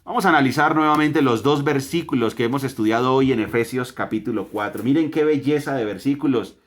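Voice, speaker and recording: A Colombian man gives a family Bible lesson at a middle pitch. He talks with emphasis, asks rhetorical questions and stacks phrases one after another. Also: a little fast. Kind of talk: family devotional teaching.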